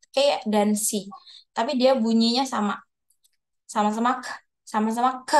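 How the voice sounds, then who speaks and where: A young woman teaches English pronunciation over a video call, her voice a little on the high side. She explains in a relaxed, chatty way, then slows down to say each English example carefully. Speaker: tutor. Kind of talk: online English pronunciation lesson. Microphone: headset or computer mic on a video call.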